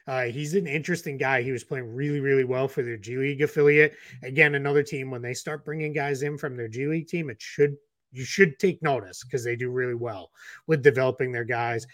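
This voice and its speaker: A man's voice: medium pitch, a bit bright, dry recording, studio quality. A man with a Boston accent, co-hosting a casual basketball podcast, running through roster moves with lots of fillers and restarts. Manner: quick rundown with frequent fillers and restarts. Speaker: NBA analyst co-host.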